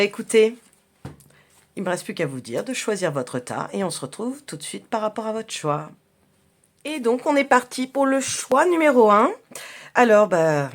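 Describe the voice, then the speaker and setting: A woman doing a casual tarot reading, talking in a chatty, hesitant way with many fillers and restarts while she handles cards. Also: mid-range voice. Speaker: tarot reader.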